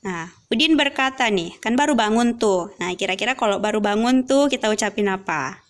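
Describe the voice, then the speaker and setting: A woman's voice: medium pitch, a little fast. A young adult woman teaching an English lesson, explaining step by step and reading example dialogues aloud.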